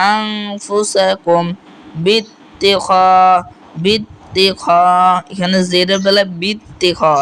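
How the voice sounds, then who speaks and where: A man teaching Quran recitation, spelling out letters and vowel marks, then reciting each word slowly and repeating it. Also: high voice, a bit bright, slight background noise, rough recording. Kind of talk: step-by-step recitation lesson.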